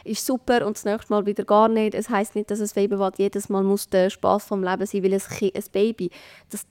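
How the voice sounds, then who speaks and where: Swiss German woman, expert guest, quick practical explainer, dry close mic. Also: medium pitch, level tone, darkish tone, clear, resonant tone, no room sound. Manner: practical, explaining step by step with many fillers. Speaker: baby care expert guest. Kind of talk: conversational podcast explanation.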